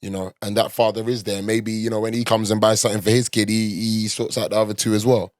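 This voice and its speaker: A man's voice: on the low side, level tone, quick pace, no room sound, clean studio sound. A man with an urban London accent, talking like a roadman in casual, opinionated, slang-heavy and sweary chat. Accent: London, urban street.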